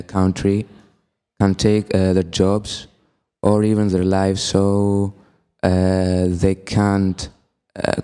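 A teenage boy from Greece, answering haltingly with many pauses. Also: sits low, dark tone, smooth. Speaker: student guest.

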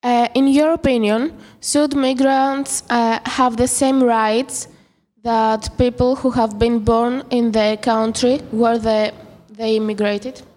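Teen girl, student podcast host, halting reads, echoing room. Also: a little high, fairly even intonation, darkish tone. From Greece. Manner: hesitant, reading questions with fillers. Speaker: student interviewer. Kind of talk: scripted school podcast questions.

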